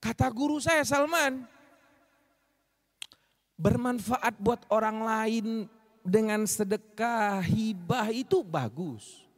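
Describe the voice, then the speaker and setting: A man from Medan with a Medan accent, giving a lively mosque sermon that swings between loud punches and low asides. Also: slow pace, long pauses. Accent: Medan Indonesian. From Medan, Indonesia. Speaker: preacher.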